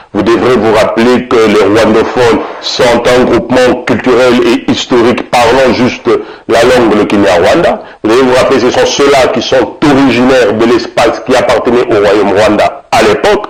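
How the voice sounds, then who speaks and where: A man speaking in a played video clip, explaining slowly like a lecture. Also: medium pitch, a loud crowd, low-quality recording.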